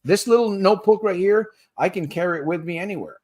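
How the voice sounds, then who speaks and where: A man's voice: sits high, fast, darkish tone. A man hosting a casual livestream for gamblers in recovery, plain-spoken and slangy, coaching listeners directly and laughing easily between points. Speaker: podcast host for gamblers in recovery.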